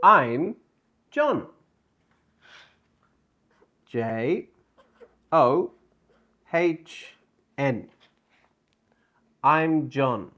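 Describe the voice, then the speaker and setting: A man in his thirties teaching a slow, repetitive beginner lesson, spelling out words and repeating each phrase. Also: fairly high pitch, big pitch swings, a bit bright, dull audio. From England. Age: 30s. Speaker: English teacher.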